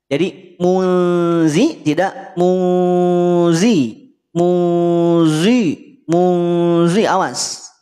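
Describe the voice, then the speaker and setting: Slow, patient male Quran teacher. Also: on the high side, in a large hall. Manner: patient, checks understanding often; demonstrates sounds by chanting them. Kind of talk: live online lesson.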